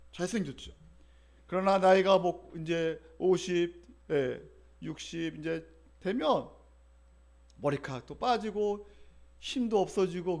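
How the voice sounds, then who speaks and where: A middle-aged man preaching a sermon as pastor, in a conversational way that keeps drawing the congregation in with questions. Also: sits high. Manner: conversational, often asks the congregation for responses.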